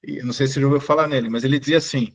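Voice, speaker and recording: A man's voice: mid-range voice, steady tone, very fast. A man hosting a casual interview, chiming in with remarks and apologizing for interrupting. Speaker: host.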